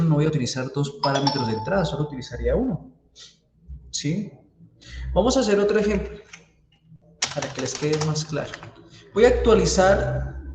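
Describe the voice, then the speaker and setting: In a live-coding lecture for a university database course, a man with a fairly high, darkish voice takes students through code one step at a time and checks in with them frequently. The room echoes, keyboard typing is faintly audible, and there's slight background noise.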